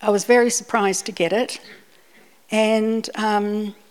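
Slow and clean-toned, her medium-pitched voice keeps fairly even intonation. She is a woman from Scotland, raised in New Zealand, preaching conversationally through a personal sermon with anecdotes and repeating words as she restarts.

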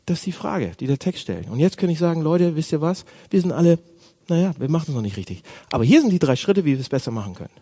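A man preaching a sermon as a pastor, animated, swinging between loud outbursts and hushed asides. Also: fairly high pitch, quick pace.

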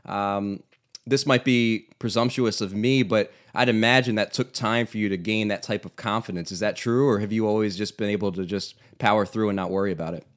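A man's voice: on the low side, steady tone, brisk. A man hosting an interview podcast, asking friendly, hedged questions in a casual way and laughing easily.

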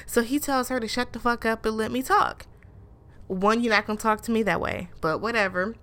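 A woman casually recapping a reality show in a blunt, animated way, with frequent swearing. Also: fairly high pitch, a little fast. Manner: mimics show cast members in raised voices.

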